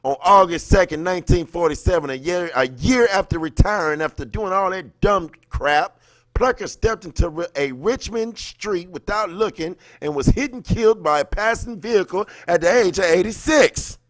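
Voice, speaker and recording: A man with a high-sitting, slightly bright voice hosts a livestream at a moderate pace, with no echo. He's informal and slangy, shifting between reading aloud and casual chat, and greets viewers by name mid-thought.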